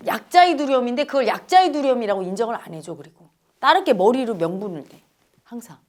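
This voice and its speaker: A middle-aged woman giving a spiritual talk, asking her listeners questions and acting out the voices she quotes. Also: on the high side. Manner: lively, acts out quoted voices, asks the audience questions. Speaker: spiritual teacher. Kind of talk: dharma talk.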